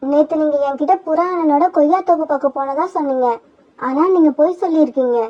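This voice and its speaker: A loyal, heartbroken mother sparrow in a cartoon, voiced by a woman, pleading and grieving. The voice is high and a bit muffled, with a lo-fi sound. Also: fast, lightly acted. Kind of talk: cartoon voice acting. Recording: dull lo-fi sound.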